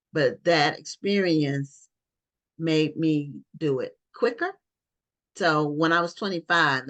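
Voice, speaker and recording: A woman hosting an interview, calm and affirming as she shares her own story. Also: sits low. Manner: unhurried, affirming listener. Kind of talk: interview conversation.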